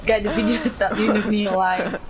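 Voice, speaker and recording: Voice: mid-range voice, flat delivery, normal speed, over a noisy crowd. A gamer chatting casually and playfully during a match against a friend, mixing in English slang. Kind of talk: casual gameplay chat.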